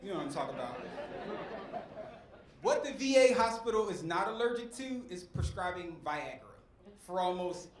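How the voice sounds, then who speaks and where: During a stand-up set in an echoey comedy club with faint crowd noise, a middle-aged man from West Philadelphia works the audience in a preacher-like cadence. His high voice swings widely in pitch, moving at a moderate pace with long pauses.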